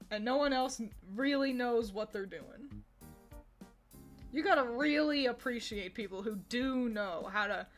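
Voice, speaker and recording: A woman streamer chatting casually with her viewers, rambling and laughing often between thoughts. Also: a little high.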